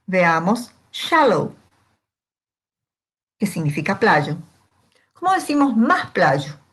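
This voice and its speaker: Slow, patient woman teaching English grammar. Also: mid-range voice, sing-song, husky. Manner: patient, asks questions and answers them herself. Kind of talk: slow, step-by-step grammar lesson.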